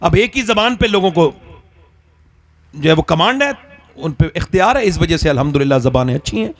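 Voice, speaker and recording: Brief: a storytelling preacher, a man with a high voice who keeps asking his listeners rhetorical questions. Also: lively intonation, a little fast. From northern India. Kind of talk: sermon.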